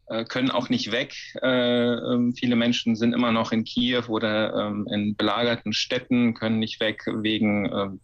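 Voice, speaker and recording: A man's voice: fairly low pitch, dull audio. A man from Ukraine, a historian answering interview questions with many fillers and restarts. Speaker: historian guest.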